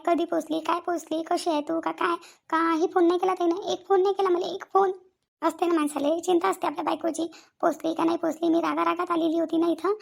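Give me a woman playing a stubborn young wife, fast and high-pitched. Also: vocal fry, heavily acted. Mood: aggrieved. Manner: complaining, repeats herself. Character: sulky stubborn young wife at her mother's. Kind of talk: cartoon voice acting.

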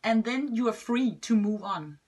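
Woman, husky breathy voice, gentle testimony, soft trailing endings. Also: a little high, expressive, unhurried. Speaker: schoolteacher and guest speaker. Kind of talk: short personal testimony.

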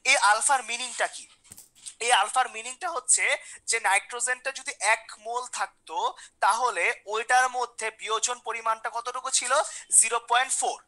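Woman teacher, quick and high-pitched, coaxing and repetitive. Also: pushed and bright, rough recording. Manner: repeats questions, coaxes students by name. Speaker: chemistry teacher. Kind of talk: online class lecture.

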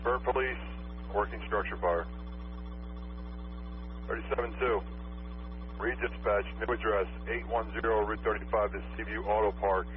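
A man's voice: fairly low pitch, steady tone, moderate pace, pauses often, phone-quality sound. A man working as a fire dispatcher reads out calls in a clipped, formulaic way over the radio. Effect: radio transmission. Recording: noisy, distant fire scanner radio audio.

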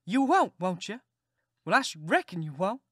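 A woman voicing Aunt Sally, a fussy, sharp-tongued Southern farm aunt who scolds and exclaims. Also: medium pitch, big pitch swings, moderate pace, no echo, studio quality. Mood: scolding.

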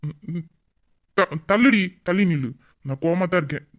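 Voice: medium pitch, expressive, moderate pace, natural voice. A performer voicing a lovesick young man who grumbles in mock anger at his sweetheart in a romantic audio drama. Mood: sulky. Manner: grumbling, mock-angry, then tender.

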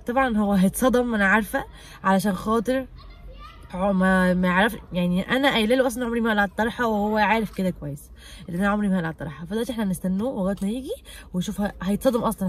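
A young woman with an Egyptian Arabic accent, chatting fast and teasingly while pranking her husband on the street. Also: medium pitch, slight background noise. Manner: fast, teasing, stubbornly calm. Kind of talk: casual prank vlog chat. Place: outdoors on a street.

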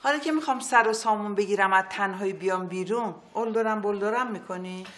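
An actress playing a middle-aged mother in a TV comedy, reproachful and quietly firm. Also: medium pitch, close to an everyday voice. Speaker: mother of the son. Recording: echoey room.

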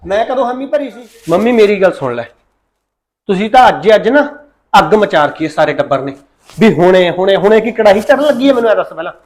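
A man with a high voice and wide swings in pitch plays a young police officer in a short film, pleading fast and insistently as he argues with his mother about his marriage. It's amateur acting in a village family drama.

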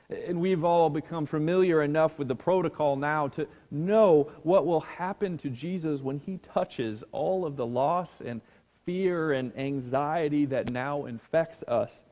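A man preaching a sermon as a pastor, slow and hushed, sinking almost to a whisper on key words. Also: a little high, in a large hall. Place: church sanctuary.

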